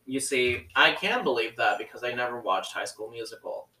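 A young man co-hosting a podcast in casual chat, teasing dryly and talking haltingly with many fillers. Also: medium pitch, bright, forceful tone. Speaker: podcast co-host. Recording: roomy, mic at a distance.

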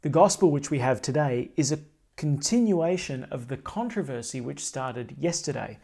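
A man's voice: on the high side, animated, normal speed, vocal fry, darkish tone, breathy edge. A man speaking as a priest at Mass, in a solemn, declamatory style of scripture reading and preaching. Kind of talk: liturgical scripture reading and homily.

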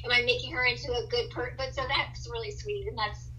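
Bright, high-voiced animated woman guest. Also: a little fast, a little hiss or hum, low-quality recording. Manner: animated, laughs often, acts out her own thoughts. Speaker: podcast guest. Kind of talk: casual interview chat.

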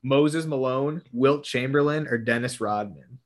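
A man's voice: medium pitch, unhurried. A young man hosting a casual chat, reading quiz questions and options aloud, swearing casually and laughing often.

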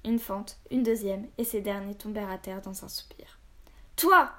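A woman narrates a children's audiobook with steady, expressive delivery. Her voice sits at a middling pitch, neither high nor low. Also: moderate pace.

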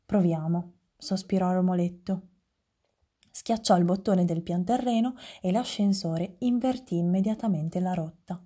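A woman narrating a children's story aloud, with lively storytelling and small stumbles. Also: medium pitch, breathy edge.

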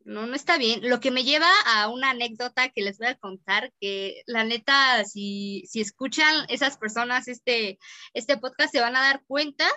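Bright-voiced Mexican woman telling stories. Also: fairly high pitch, normal speed, no echo. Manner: chatty storytelling with slang. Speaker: podcast co-host. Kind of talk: casual chat.

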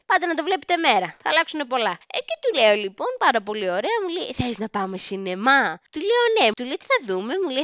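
A young woman telling her own dating stories as a podcast host, in a chatty, self-mocking way with lively asides. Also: on the high side, smooth, no room sound, lo-fi sound. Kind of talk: casual storytelling monologue.

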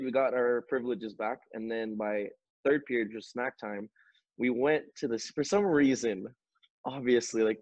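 A man on a video call, casually telling a story in a relaxed, slangy way. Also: mid-range voice, no room sound, lo-fi sound. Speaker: podcast co-host.

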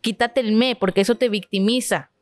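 A woman's voice: on the high side, fairly even intonation, brisk, a little mellow. Mexican woman therapist telling anecdotes. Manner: explains with personal anecdotes, acts out quoted feelings. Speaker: guest psychologist and family therapist. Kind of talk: conversational podcast talk.

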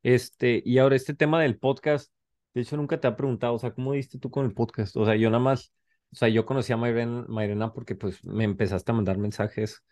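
A man's voice: mid-range voice, fairly even intonation, fairly quick, a little mellow. A man with a Mexican accent hosting a podcast in a casual, slangy, rambling way full of filler words. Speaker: podcast host. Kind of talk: casual chat.

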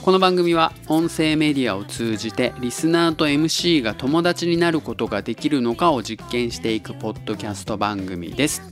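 A man's voice: medium pitch, animated, fairly quick, few pauses, soft background music. A man from Tottori hosting a casual solo podcast, musing in an easygoing way and chuckling often. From Tottori, Japan. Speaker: podcast host.

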